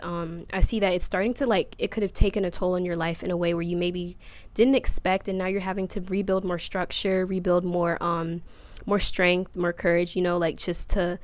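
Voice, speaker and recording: A woman's voice: lowish voice, no echo. A woman giving a casual tarot reading to camera outdoors, chatting to viewers as y'all and baby. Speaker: tarot reader. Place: outdoors by a grassy yard.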